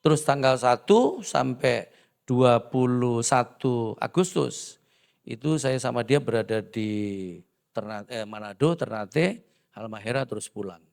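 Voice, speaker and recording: A man's voice: medium pitch, unhurried, vocal fry. A male pastor preaching a sermon, telling humorous personal stories and acting out dialogue with the congregation. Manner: animated storytelling, acts out dialogue, jokes with the congregation.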